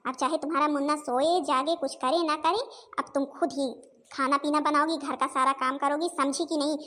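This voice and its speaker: Bossy older mother-in-law, voiced by a woman, high-pitched, scolds and complains. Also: fairly even intonation, fairly quick, bright, forceful tone. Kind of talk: cartoon voice acting.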